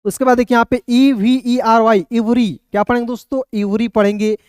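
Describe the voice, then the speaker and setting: A man's voice: very high-pitched, steady tone, a little fast, clear, resonant tone, no room sound, clean studio sound. A man giving an online English reading lesson, spelling words out letter by letter and often addressing his viewers as friends. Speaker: English teacher.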